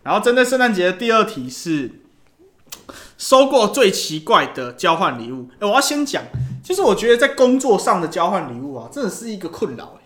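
A man's voice: high voice, big pitch swings, fairly quick, fairly bright tone. A man hosting casual comedic banter, teasing crudely and swearing freely. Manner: crude, profanity-laced teasing. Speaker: talk show host.

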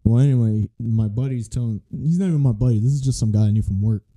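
Dark-voiced man telling a rambling story. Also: medium pitch, quick pace. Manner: long rambling first-person storytelling. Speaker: podcast co-host. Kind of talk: casual podcast chat.

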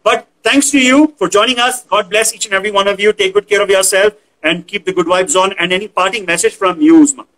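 A man's voice: high voice, fast, few pauses, fairly bright tone, rough recording. A man with an Indian accent casually hosting an online talk show, effusive and fond of repeating words for emphasis.

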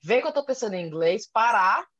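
A woman's voice: medium pitch, a little fast, no echo. A Brazilian woman with a Brazilian Portuguese accent telling stories in a casual chat, acting out little dialogues as she goes. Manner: lively storyteller who acts out dialogues. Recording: dull lo-fi sound.

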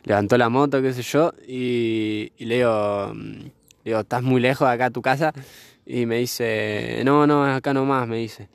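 A young man telling a story in a casual chat, slangy and animated, outdoors by a fire. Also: medium pitch, normal speed, smooth, no room sound.

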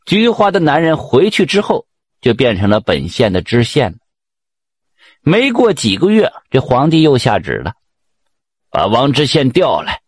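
A man telling a folk tale in a lively, colloquial way. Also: mid-range voice, normal speed, breathy edge, no echo, clean studio sound. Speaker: storyteller.

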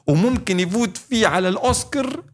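A man's voice: high voice, animated, fast talker. A man chatting casually and animatedly, mixing in English words and laughing often. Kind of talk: casual chat.

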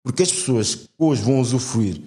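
A man's voice: mid-range voice, lively intonation, a little fast, mellow. A young man speaks heartfelt and argumentative in an earnest conversation, using casual slang. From Portugal. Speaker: guest.

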